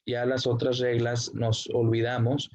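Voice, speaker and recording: A man teaching an English grammar lesson, slowly explaining the rules, spelling out letters and translating every example. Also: medium pitch, monotone, darkish tone, highs cut off.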